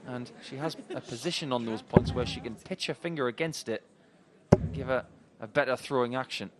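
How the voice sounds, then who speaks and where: A man's voice: mid-range voice, normal speed, heavy background noise. A man giving chatty live commentary on a darts match. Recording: loud crowd behind commentary. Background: darts crowd.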